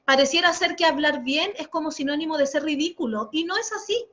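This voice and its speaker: A woman with a Chilean accent leads an online communication workshop, pronouncing each sound with deliberate, exaggerated care. Her voice sits high and she stops to respond to comments from viewers. The lesson is captured through a computer mic in a muffled, lo-fi screen recording. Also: fairly bright tone. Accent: Chilean Spanish. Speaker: workshop instructor.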